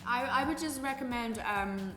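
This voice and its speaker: A woman bantering casually as a vlog guest, blunt, joking and quick to swear. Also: on the high side. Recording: echoey reverberant room, loud music underneath.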